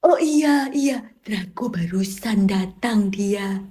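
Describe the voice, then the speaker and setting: A woman playing a slow, reassuring mom on the phone. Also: medium pitch, animated, mellow. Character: friend's mother on the phone.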